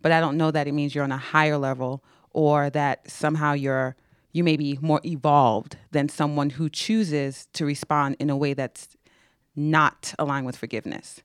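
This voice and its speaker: An audience commenter in a discussion, speaking deliberately and choosing words carefully. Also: medium pitch, level tone, clear, resonant tone, no echo, clean studio sound. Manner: measured, deliberate, careful wording. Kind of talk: considered spoken comment.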